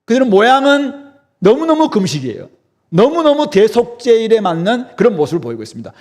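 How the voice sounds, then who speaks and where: A man preaches a sermon from the pulpit, his voice sitting high and swinging widely in pitch. He explains scripture with emphasis and keeps putting rhetorical questions to the congregation. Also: sing-song, brisk, a little mellow. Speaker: pastor. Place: church sanctuary.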